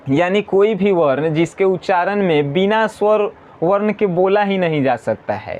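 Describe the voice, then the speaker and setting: A man teaching an exam-prep grammar lesson, slowly repeating definitions and answering his own questions. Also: high voice, lively intonation, a little mellow, highs cut off.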